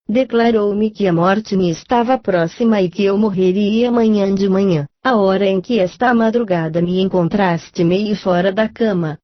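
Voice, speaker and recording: A woman reading a book aloud in a measured, even narration. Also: medium pitch, dry recording. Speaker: reader. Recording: dry, dull lo-fi recording.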